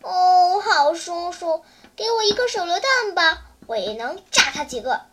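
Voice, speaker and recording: Storyteller doing a cheeky little village boy in a kids' audio story, eager and stubborn, very high and bright. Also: very animated, a little slow, heavily acted. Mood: eager boyish.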